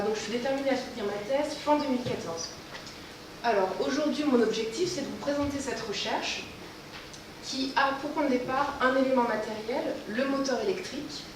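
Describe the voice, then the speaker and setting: A woman gives a confident, lightly playful short pitch of her doctoral research. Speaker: doctoral contest speaker. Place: large lecture hall. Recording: echoey hall, distant mic, background noise.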